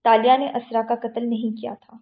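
A commanding tycoon, stern and forceful with a gravelly edge, as a woman reads him in an audiobook. The sound is thin and tinny, like a phone line. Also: a little high, steady tone. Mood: angry. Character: powerful angry middle-aged male tycoon.

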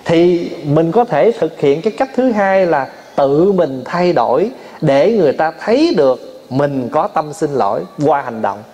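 Lively monk preaching. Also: male voice, a little high, a little slow. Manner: lively storyteller, laughs at his own examples. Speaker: Buddhist monk giving a dharma talk. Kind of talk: sermon with storytelling.

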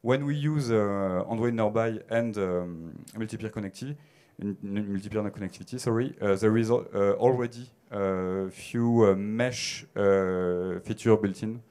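A man with a French accent speaks into a handheld mic on a theater stage. His voice sits fairly low and sounds smooth and clear. He pauses and restarts often, filling gaps with hesitations as he answers questions. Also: mellow. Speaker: conference speaker. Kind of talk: conference Q&A answers.

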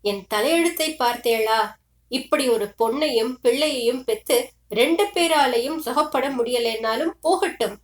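A woman's voice: high voice, moderate pace, echoey room, natural voice. Woman voicing a tearful grieving mother. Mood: tearful pleading. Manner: tearful, pleading, bitter complaints.

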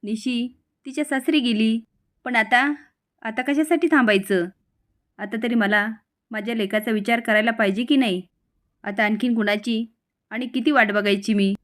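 A woman voicing an angry, scheming middle-aged mother who scolds her son in a shrill, raised voice. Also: moderate pace, a bit bright, natural voice. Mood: angry, scolding.

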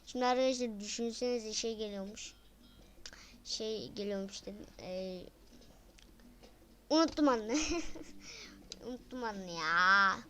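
A woman giving casual gameplay commentary, excitable and repeating words in quick bursts, with loud frustrated outcries. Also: medium pitch, a little hiss or hum. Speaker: gaming video creator.

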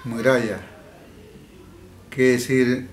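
Speaking flatly in a mid-range voice, this man, a healer from the Peruvian Amazon, gives interview answers at a slow, halting pace full of restarts and repeated words. The indoor room is echoey, and a faint hiss runs underneath.

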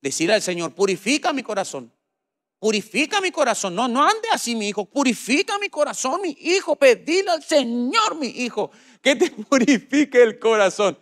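A woman's voice: on the high side, very animated, normal speed, voice pushed up. A man voicing a nasal old grandmother who coaxes a young boy to pray, drawing out her words. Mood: pleading. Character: nasal old grandmother urging prayer, gently insistent.

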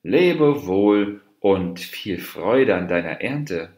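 Brief: a man playing a crafty storybook monkey, wheedling and false-friendly, raised and lively pitch, roomy sound. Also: extremely slow. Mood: sly. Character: sly scheming male monkey, fable trickster. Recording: roomy echo.

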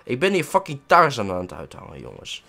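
Excitable Dutch man yelping through a game. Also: mid-range voice, brisk, creaky. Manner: excitable, swears and yelps at mishaps. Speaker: gaming let's-play host. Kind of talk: let's-play commentary.

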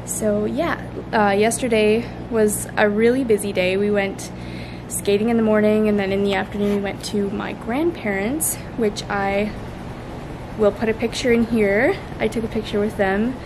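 A woman's voice: medium pitch, steady tone, normal speed. A young woman chatting upbeat in a casual travel vlog, filming herself at arm's length with lots of fillers. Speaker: vlogger. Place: in a car, outdoors on ice, and in a living room. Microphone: handheld camera at arm's length. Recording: loud car and road noise.

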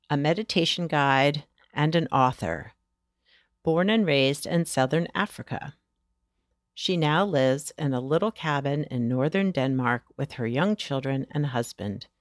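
A woman hosting a podcast, introducing her guest and asking questions in an enthusiastic, unhurried way. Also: deep voice, dry recording, studio quality. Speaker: podcast host. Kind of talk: podcast interview.

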